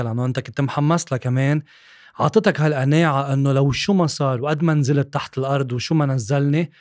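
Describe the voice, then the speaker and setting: Guy hosting a podcast, quick and encouraging, dry close mic. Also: mid-range voice, a little mellow, no echo. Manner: encouraging, with frequent "mm" backchannels. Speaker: podcast host and coach. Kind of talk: podcast interview.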